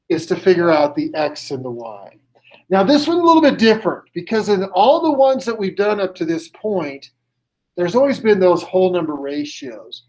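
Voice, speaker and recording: A man's voice: fairly high pitch, darkish tone, poor audio. Chatty chemistry teacher man. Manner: chatty, joke-telling, self-correcting. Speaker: high school chemistry teacher. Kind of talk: classroom lecture. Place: classroom.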